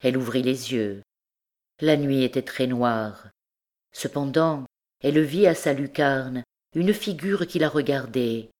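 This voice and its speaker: A woman narrates a classic novel in a notably deep voice. She reads slowly and deliberately, with a calm, measured storytelling manner. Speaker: audiobook narrator. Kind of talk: scripted narration.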